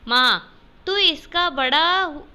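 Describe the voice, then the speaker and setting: Woman voicing a scolding mother, stern but fond, sharp bright tone. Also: sits high, expressive, moderate pace, pitched above the performer's own voice. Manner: scolding questions.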